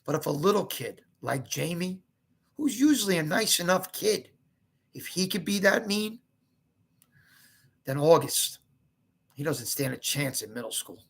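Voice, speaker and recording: A man reading a children's novel aloud in first person, with expressive, conversational asides. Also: fairly high pitch, unhurried, creaky, pauses often, slightly rough. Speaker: reader and commentator.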